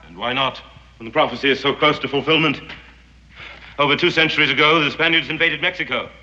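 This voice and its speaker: An actor playing a grandiloquent English gentleman devoted to a sun god, telling a curse with formal, theatrical diction in a 1960s TV western drama. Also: a little high, steady tone, fast talker. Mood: ominous. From England. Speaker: fanatical Englishman guarding Aztec gold. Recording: echoey, dull 1960s TV soundtrack.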